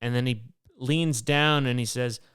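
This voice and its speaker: A man's voice: mid-range voice, measured pace, a bit bright, clear, resonant tone, dry recording, clean studio sound. Rambling, profane podcast host, a man. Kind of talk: casual solo storytelling.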